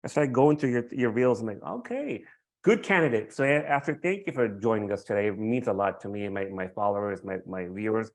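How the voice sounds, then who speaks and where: A man hosting a podcast interview, friendly and halting, often repeating his words. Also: on the low side, expressive. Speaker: podcast host.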